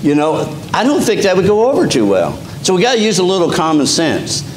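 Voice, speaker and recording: A man's voice: high-pitched, huge pitch swings, fairly quick. A middle-aged man with an Appalachian Kentucky accent preaching a sermon conversationally, restarting phrases often. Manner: conversational preaching with frequent restarts and fillers, gesturing while standing. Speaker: pastor. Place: small church sanctuary, indoors. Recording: echoey church room with faint hum.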